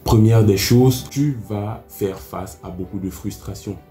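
Deep-voiced man teaching in an echoey room. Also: unhurried, warm tone. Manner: addresses the viewer directly, explains step by step. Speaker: English teacher, channel host. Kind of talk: scripted explanatory lesson. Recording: echoey room with faint music.

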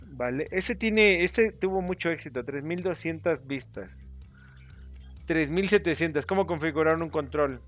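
A man's voice: fairly high pitch, animated, a little slow, a bit bright, faint music behind. A man hosting a casual screen-recording tutorial, rambling as he reads out view counts and corrects viewers' spelling. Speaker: YouTube gamer and channel host.

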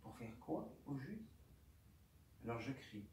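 A man, a doctor, gives a personal testimony talk at a conference, speaking haltingly with aphasia and often repeating his words. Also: medium pitch, very animated, a little mellow, slight background noise. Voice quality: speech marked by aphasia. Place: conference room. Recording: roomy hall, distant mic, faint ambience.

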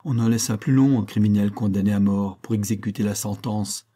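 A man's voice: lowish voice, fairly even intonation, a little fast, mellow, lightly acted. A man reading the part of a young queen who pleads and prays with fervor in an audiobook. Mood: tense. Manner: pleading, fervent. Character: young queen, anguished and devout.

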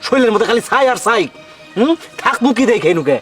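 A man's voice: sits high, animated, fairly quick, fairly bright tone, far from the mic, soft background music. An actor playing a harsh, contemptuous father who abandons his child, speaking. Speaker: father leaving his family. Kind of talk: melodramatic short-drama acting.

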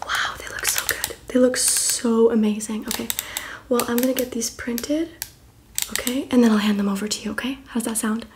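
A woman in her twenties doing a fast ASMR ASMR role-play as an encouraging beauty and photo professional, repeating short phrases up close. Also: a little high, background noise, close to an everyday voice. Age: 20s. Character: brisk, encouraging female makeup artist, photographer and spa worker. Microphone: close, facing the camera.

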